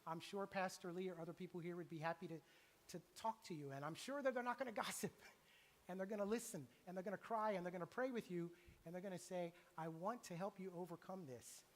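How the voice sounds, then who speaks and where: A man's voice: sits high, quick pace. A middle-aged man preaching a sermon in a church, earnest and confessional, talking in a conversational way. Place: church sanctuary. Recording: long reverb of a church hall.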